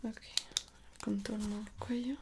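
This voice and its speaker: A young woman with a Mexican accent in an ASMR role-play as a dressmaker, speaking softly and attentively straight to the listener. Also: medium pitch, little pitch movement, a little hiss or hum. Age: young adult. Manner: soft, unhurried, attentive, speaking directly to the listener. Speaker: ASMR performer playing a dressmaker. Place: small indoor room at home.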